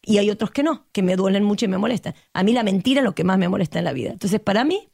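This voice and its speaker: A woman speaking with an Argentine Spanish accent, a guest therapist in a podcast conversation who talks emphatically and passionately and acts out quotes with a lively voice. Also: medium pitch, racing, creaky, no room sound, clean studio sound.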